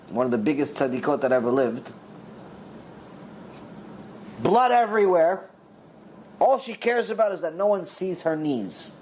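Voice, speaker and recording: A man's voice: a little mellow, a little hiss or hum, rough recording. A rabbi telling a dramatic story in a sermon, acting out the characters' lines as he goes. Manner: dramatic storyteller, voices the characters with big pitch swings.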